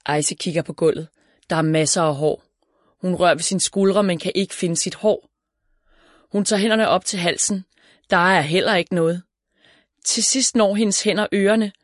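A woman reading a children's story aloud in a calm, even storytelling voice. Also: on the low side, pauses often, dry recording, studio quality. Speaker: narrator.

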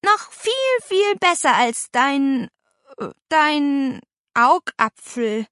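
A woman voicing an excitable little girl with a big appetite, coaxing and eager in an audiobook. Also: extremely high pitch, a little fast, dry recording, clean studio sound, pitched above the performer's own voice, exaggerated voice.

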